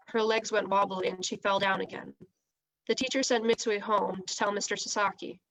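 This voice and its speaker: A woman reading a children's novel aloud, with steady, expressive storytelling. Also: medium pitch, rough recording. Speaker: reader.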